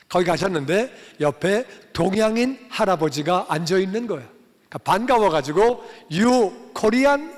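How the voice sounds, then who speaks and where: A man preaching a sermon as pastor, telling a family story in an animated way and acting out the dialogue. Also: sits high. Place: church sanctuary. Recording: long church-hall reverb.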